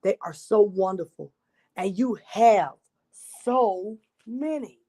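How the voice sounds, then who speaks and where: Lady doing a little boy fish from a picture book, pleading and gentle, mellow. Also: medium pitch, slow. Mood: pleading, admiring. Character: small, pleading, admiring little blue fish, male.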